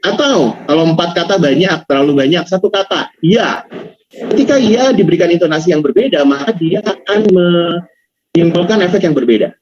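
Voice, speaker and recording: A young man runs an online public speaking workshop, leaning hard on single words to show how stress changes meaning. His voice sits a touch high and comes through a dull, lo-fi video call line. Between drills he drops into casual, slangy asides. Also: moderate pace. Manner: lively, stresses words to demonstrate intonation.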